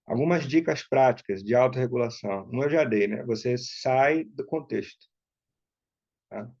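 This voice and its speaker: A man teaching an online workshop in a casual, conversational way, often checking in with quick tag questions. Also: medium pitch, a little mellow, no echo. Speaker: workshop instructor. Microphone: online call mic. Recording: dull, dry lo-fi sound.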